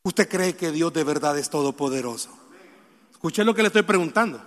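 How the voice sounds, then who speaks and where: High, bright-voiced male preacher in a reverberant hall. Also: lively intonation, a little fast. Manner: emotional, swinging from soft sorrowful confession to loud exhortation; addresses the congregation directly with questions. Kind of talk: sermon.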